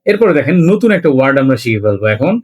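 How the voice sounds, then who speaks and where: A man teaching a beginner language lesson, slowly spelling out words letter by letter and often checking in with his listeners. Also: mid-range voice, very animated, a little mellow. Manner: slow, repetitive spelling out letter by letter.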